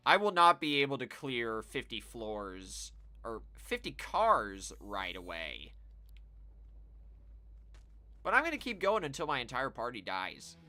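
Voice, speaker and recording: A man giving live commentary while playing a video game, chatty and self-amused, reacting out loud as he plays. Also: mid-range voice, huge pitch swings, normal speed, hardly any pauses, faint music behind. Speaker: game streamer.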